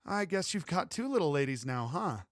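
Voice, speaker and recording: A man pitches his voice above his natural range to play Emmy Jo, an eager young cowgirl, sounding cheerful and very animated at a moderate pace. The recording is clean studio sound with no room tone.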